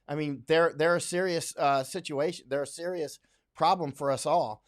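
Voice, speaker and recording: Rambling middle-pitched man livestreaming. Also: normal speed. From Central Florida, US. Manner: rambling, many restarts and fillers. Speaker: livestream host. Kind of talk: casual livestream talk, reading viewer comments. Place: home in Chiang Mai, Thailand.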